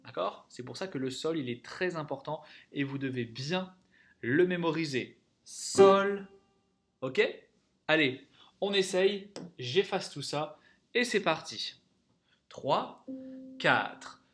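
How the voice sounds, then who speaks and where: A man's voice: fairly high pitch, a little slow, fairly bright tone. A man teaching a music theory lesson, counting rhythms aloud, singing note names and checking in often with the class.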